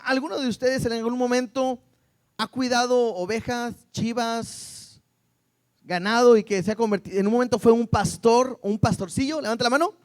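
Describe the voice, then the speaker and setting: A male preacher delivers a Sunday sermon to his congregation. His voice sits unusually high for a man. He keeps it lively, firing question after question at the people in front of him. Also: moderate pace. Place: church service before a congregation.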